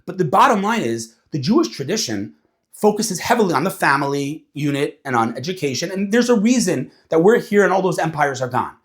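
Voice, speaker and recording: Man, casual talk, animated and lively, slightly higher voice. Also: brisk. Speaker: speaker.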